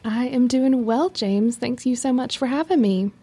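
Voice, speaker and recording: A woman's voice: fairly high pitch, normal speed, mellow, slightly rough, faint music behind. A young woman from North Carolina, a health educator, answering interview questions in a friendly, explanatory way.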